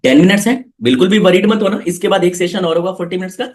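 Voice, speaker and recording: A man's voice: sits high, fast, a little mellow. A man teaching a live online class for children, coaxing them with repeated questions.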